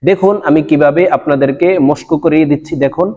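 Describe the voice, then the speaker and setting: Male tutor with a high voice, patient and repetitive drilling, reverberant recording. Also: steady tone, dark tone. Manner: slow, drawn-out syllable drills, repeating each sound. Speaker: Quran recitation teacher.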